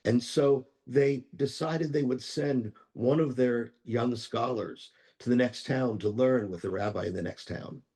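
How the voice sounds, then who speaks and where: A man who is a rabbi, telling a parable in a measured way and slowing down for key lines. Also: medium pitch, a little mellow. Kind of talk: storytelling teaching.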